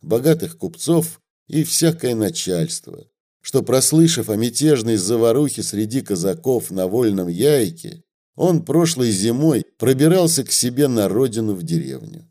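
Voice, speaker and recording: Male audiobook reader, mellow warm tone, measured storytelling. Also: medium pitch, big pitch swings. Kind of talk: scripted narration.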